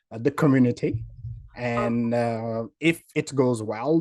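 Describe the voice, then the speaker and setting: In a casual video-call interview, the guest, a founder from Senegal, is friendly, laughs readily and fills his speech with fillers. The mid-range voice is a little mellow, recorded cleanly in studio quality without echo.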